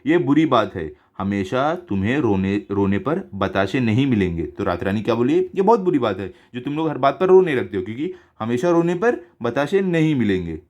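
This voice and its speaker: A man explaining a school Hindi chapter to children. He reads each story line slowly and then goes over it again in plain, simple words. His pitch rises and falls a lot as he talks. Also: a little mellow. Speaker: teacher.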